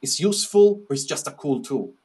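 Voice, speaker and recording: A man from Italy with an Italian accent, speaking as a podcast guest in a relaxed interview, with frequent restarts and fillers. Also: fairly high pitch, husky. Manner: halting, with many restarts and fillers. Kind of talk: casual interview chat.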